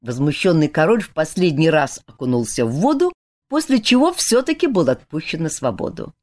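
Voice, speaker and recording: A woman reading a novel aloud with expressive, lively storytelling. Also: sits low, brisk. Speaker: audiobook narrator. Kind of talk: scripted narration.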